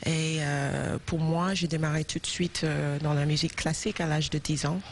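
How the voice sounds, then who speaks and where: A singer from South Carolina, a native English speaker with an American accent, answers interview questions in French. She sounds thoughtful and hesitant, with many fillers and restarts. Her voice sits low and gravelly with little pitch movement at a moderate pace, and there is a little hiss or hum.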